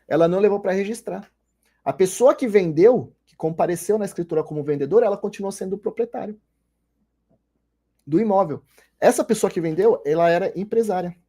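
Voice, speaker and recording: A man's voice: high voice, fairly quick, warm tone, slightly rough. A man with a Brazilian Portuguese accent giving a recorded online law lecture, explaining step by step and checking in with rhetorical questions. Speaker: law lecturer, former notary clerk.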